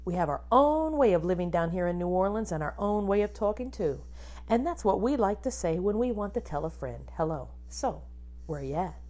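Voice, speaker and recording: A teacher with a medium-pitched voice reads a picture book aloud to young children, full of expression and animation. She stops now and then to point things out and ask them questions.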